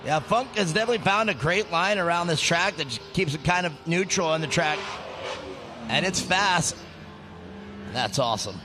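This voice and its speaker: A man's voice: fairly high pitch, animated, normal speed, noisy background. A man giving color commentary on an off-road race, chatty and telling anecdotes.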